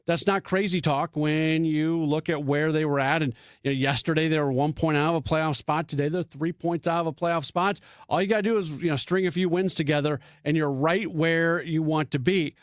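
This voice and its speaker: Sports radio guy, kinda high voice, very dry studio mic, stammers and restarts a lot. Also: steady tone, normal speed, few pauses, clean tone, no room sound. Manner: thinking aloud with frequent restarts and fillers.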